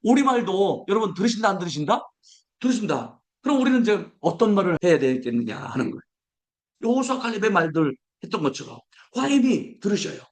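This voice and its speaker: A male pastor preaching a sermon, acting out everyday complaints with a raised voice and slowing down to recite scripture. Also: high-pitched, very animated.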